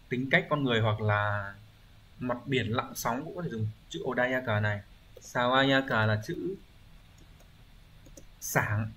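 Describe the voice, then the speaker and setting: A man's voice: medium pitch, fairly bright tone, a little hiss or hum. A male language teacher going through exam vocabulary questions, explaining readings step by step and often checking with his students. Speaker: Japanese teacher. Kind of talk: exam review lesson.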